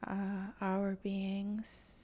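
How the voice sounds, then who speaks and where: A woman who hosts guided meditations and channels leads an improvised session in a soft, breathy, monotone voice of medium pitch that often drifts toward a whisper. She speaks gently and haltingly, with long pauses.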